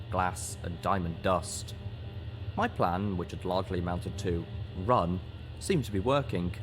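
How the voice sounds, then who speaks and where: A man with a low voice reads a fantasy story aloud as dramatic audiobook narration. His storytelling is deliberate and expressive.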